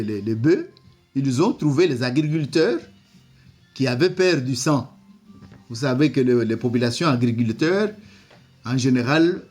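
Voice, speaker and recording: A man who is not a native French speaker reads from an old book-like document and comments on it slowly, hesitating and repeating many words. His voice has a medium pitch and a darkish tone.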